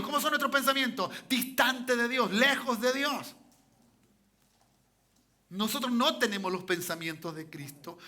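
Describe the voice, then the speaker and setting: High, bright pastor preaching. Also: male voice. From Chile. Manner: repetitive, peppers lines with "¿cierto?" and "¿ya?"; calls for amens from the congregation. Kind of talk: sermon. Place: church.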